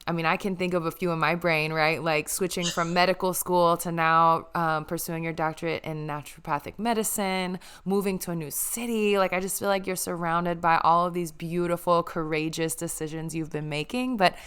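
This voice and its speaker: Young female podcast host, earnest and emotional, low-ish crisp bright voice. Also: level tone, normal speed, hardly any pauses. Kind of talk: casual heartfelt chat.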